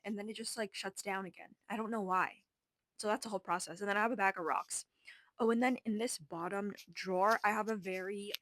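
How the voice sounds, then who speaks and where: A woman's voice: mid-range voice, fairly bright tone, dry recording. Chatty, winded young woman. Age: 20s. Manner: rambling, self-deprecating, filler-heavy. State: slightly out of breath. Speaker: vlogger. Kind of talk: casual room tour narration.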